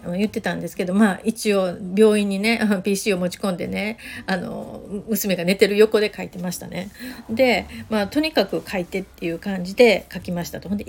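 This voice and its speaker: Creaky-voiced woman, rambling chat. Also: mid-range voice, a little mellow. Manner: rambling, full of fillers, chatty asides. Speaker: counselor. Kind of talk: casual podcast monologue.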